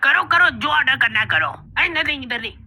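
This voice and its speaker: A man's voice: extremely high pitch, animated, fairly quick, sharp tone, full character voice. A man voicing a boastful, bossy senior student who plays love guru. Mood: bragging. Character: swaggering male senior college student, self-styled love guru.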